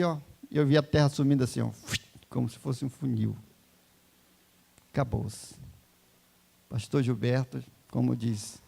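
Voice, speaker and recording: In church, a man with a high-pitched, creaky voice preaches an emotional testimony sermon. He swings from hushed words to fervent, loud exclamations.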